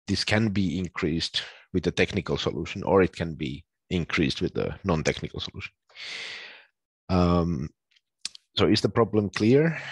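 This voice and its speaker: A man from Finland presents over a video call, pausing often and filling gaps with ums. His voice sits very low and husky. The sound is dry and close. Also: no echo. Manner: explains plainly with frequent ums and pauses. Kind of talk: casual online presentation.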